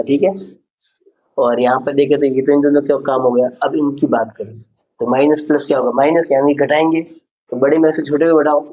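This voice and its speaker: A man's voice: mid-range voice, a little mellow. Man teaching maths in a lo-fi recording. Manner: patient, repeats questions to students. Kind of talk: explaining a maths lesson. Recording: dull lo-fi recording.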